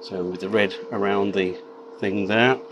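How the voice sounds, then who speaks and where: A man giving a measured, matter-of-fact step-by-step demonstration as a tutorial presenter, recorded with machine noise behind him. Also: fairly low pitch, steady tone, muffled recording. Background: laser cutter machine noise.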